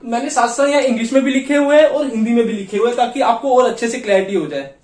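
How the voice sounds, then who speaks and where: A man teaching a beginners' lesson, patiently repeating each sound slowly. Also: very high voice, a little mellow. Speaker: language teacher. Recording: echoey room, mic far off.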